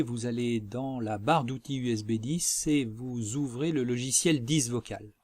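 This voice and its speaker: A man presenting a software tutorial as a screencast voice-over, explaining methodically step by step. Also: mid-range voice, no room sound. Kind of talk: instructional screencast narration.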